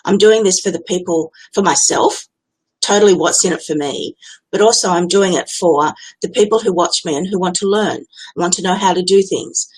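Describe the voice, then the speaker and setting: A woman's voice: lowish voice, normal speed, slightly rough, rough recording. A woman with an Australian accent, hosting a live stream as a business coach and talking in a candid, chatty, blunt way. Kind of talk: unscripted live-stream talk.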